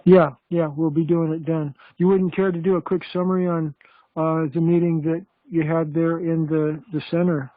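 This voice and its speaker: Male host on a phone call, halting and filler-heavy, slightly high voice, dry tinny line. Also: flat delivery, dry recording. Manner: halting, many fillers and restarts. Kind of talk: casual chat. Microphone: telephone.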